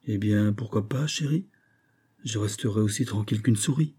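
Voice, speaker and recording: A man's voice: medium pitch, moderate pace, breathy edge, natural voice. A man voicing an anxious, kindly young woman who gossips and fusses over her friend, in an audiobook reading. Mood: tender concern. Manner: fretful gossiping, gently fussing.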